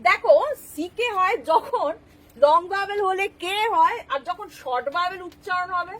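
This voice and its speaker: A woman's voice: very high voice, normal speed, fairly bright tone, rough recording. A woman teaching English spelling rules, patiently explaining and checking that the class understands.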